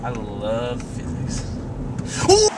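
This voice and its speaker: A teenage boy playing a careless driver who texts at the wheel, muttering slowly to himself. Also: medium pitch, huge pitch swings, heavily acted. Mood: casual. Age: late teens. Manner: mumbled, slow, muttering to himself. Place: inside a car. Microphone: camera mic in the car. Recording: amateur camera audio, loud road noise.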